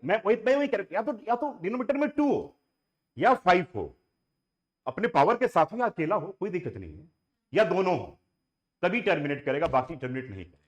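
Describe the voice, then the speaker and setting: Male maths teacher, fairly high-pitched, coaxing and repetitive classroom delivery. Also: very animated, fairly quick, highs cut off. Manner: coaxing and repetitive, mixes Hindi with English phrases. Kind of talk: classroom lecture.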